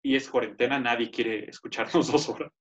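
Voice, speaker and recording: A young man with a Mexican accent who talks in bursts of playful mock outrage, jumping from rant to joke with his co-host. His voice sits in the middle of the pitch range. The recording sounds a little muffled and lo-fi. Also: fairly quick. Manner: animated, joking, rants with mock outrage. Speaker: podcast co-host. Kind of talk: casual chat.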